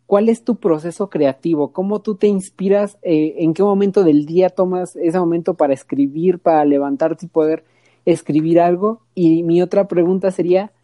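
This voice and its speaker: Podcast host lady, low voice but bright, asks earnest questions, dry close sound. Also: no room sound. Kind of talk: asking interview questions.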